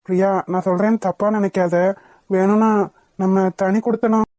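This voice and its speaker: A steady young husband in a cartoon, voiced by a woman, speaking in a mellow, mid-pitched voice. He coaxes and reassures calmly. The sound is dry and close-miked. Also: moderate pace, no room sound, natural voice. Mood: reassuring. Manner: coaxing, reassuring. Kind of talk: cartoon voice acting.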